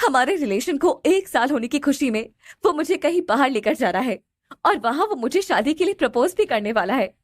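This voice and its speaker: A woman's voice: sing-song, moderate pace, dry recording, studio quality. A woman voicing a tearful, dramatic young woman, a younger sister in an audio drama, talking through sobs in a raised, pleading voice. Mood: tearful indignant. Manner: crying, high-pitched pleading.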